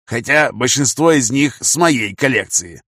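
A man's voice: medium pitch, animated, unhurried, sharp tone, no echo, full character voice. A man doing a dry, sarcastic bespectacled man.

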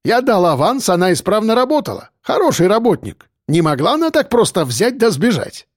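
A man voicing a hot-tempered middle-aged male cafe owner, loud and pleading. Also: high voice, big pitch swings, fairly quick, dry recording, clean studio sound, pitched above the performer's own voice. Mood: animated storytelling.

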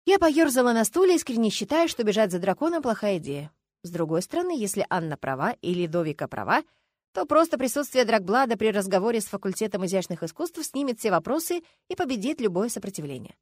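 Expressive woman reading an audiobook. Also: medium pitch, fast, no room sound, clean studio sound. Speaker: audiobook narrator. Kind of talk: scripted first-person audiobook narration.

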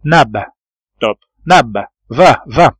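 A man's voice: mid-range voice, lively intonation, drawn-out words, slightly rough, no echo, studio quality, exaggerated voice. A man voicing a resolute middle-aged engineer in an audiobook, speaking firmly and earnestly. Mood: urging.

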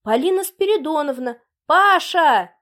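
A loud, plain-spoken elderly village mother, as a woman reading the story puts her on. She talks in a raised, somewhat high voice and calls out across the yard. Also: animated, normal speed. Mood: bustling. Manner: loud, calling out.

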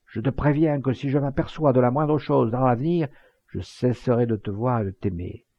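Guy reading a grumpy jealous gendarme, husky and low, dry room. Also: moderate pace, no room sound, dull audio, close to an everyday voice. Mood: angry. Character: angry jealous young gendarme, proud and sulky.

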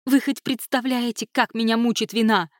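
A woman reading an audiobook, voicing a distraught young woman who shouts accusations through tears. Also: a little high, steady tone, moderate pace, no echo, clean studio sound, pitched above the performer's own voice, natural voice. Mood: furious, tearful.

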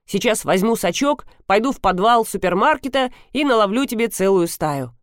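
A woman voicing an ironic, commanding grown man who speaks slowly and dryly. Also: medium pitch, expressive, no room sound, natural voice. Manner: slow, dry, commanding.

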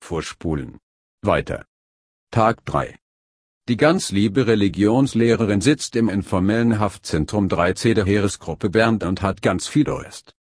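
A man reading a scripted story aloud as narrator, with a steady, even storytelling delivery. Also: fairly low pitch, unhurried, husky, no echo, studio quality.

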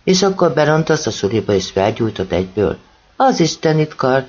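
A man voicing a drunk, furious middle-aged mother who scolds and shouts at her son. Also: mid-range voice, big pitch swings, highs cut off. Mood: angry scolding.

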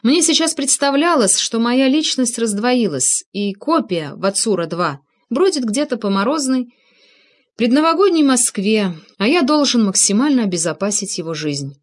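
A woman narrating a first-person thriller audiobook in a tense, measured storytelling manner. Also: on the high side, very animated.

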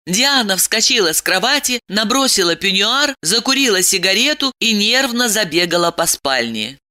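A woman narrating a novel in an expressive, dramatic storytelling manner. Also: medium pitch, normal speed. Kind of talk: audiobook reading.

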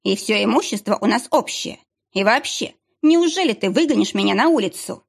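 A woman voicing a whiny, pleading middle-aged ex-husband with a drawn-out, whining delivery. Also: a little high, lively intonation, gravelly.

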